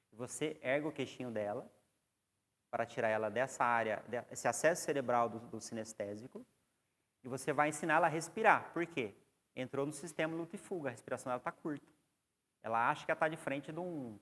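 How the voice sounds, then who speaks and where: A man's voice: medium pitch, fairly bright tone. Man, Brazilian Portuguese accent, lecturer, asks the class questions, long reverb of a large room. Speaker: psychoanalysis lecturer.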